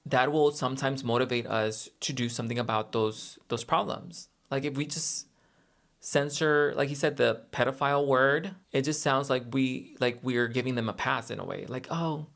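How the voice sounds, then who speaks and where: A man's voice: mid-range voice, steady tone, moderate pace, gravelly, a bit bright. Man giving casual, emphatic reaction commentary. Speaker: host of a reaction segment.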